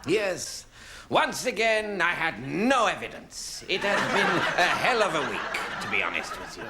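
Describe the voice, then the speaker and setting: An actor playing a pompous, smug French detective with a thick French accent, in a comedy sketch. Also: male voice, fairly high pitch, sing-song, measured pace, heavy background noise.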